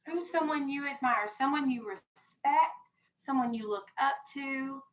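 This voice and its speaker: Over poor audio, a woman with a high voice speaks at a measured pace while teaching vocabulary to young children. This American elementary teacher instructs the class and draws answers out through questions and directions.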